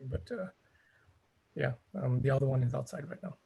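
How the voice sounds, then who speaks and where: Husky gravelly guy on a video call, lots of ums, from india by way of kenya. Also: medium pitch, normal speed, warm tone. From from India, raised in Kenya. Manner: hesitant, many fillers. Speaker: PhD student. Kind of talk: casual self-introduction.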